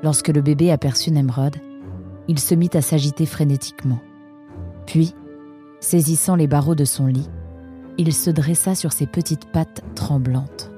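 A man narrating a storybook in a measured, steady way. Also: on the high side, faint music behind. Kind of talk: storybook reading.

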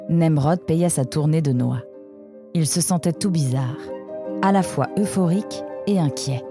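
Mellow-voiced woman reading a children's story. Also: deep voice, husky. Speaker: narrator. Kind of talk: children's audiobook narration.

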